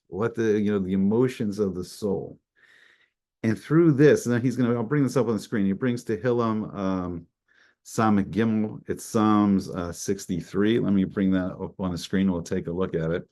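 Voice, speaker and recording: A man's voice: on the low side, darkish tone. A man teaching an informal Torah class, talking conversationally with many restarts and fillers and mixing in Hebrew terms. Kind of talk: casual online Torah class.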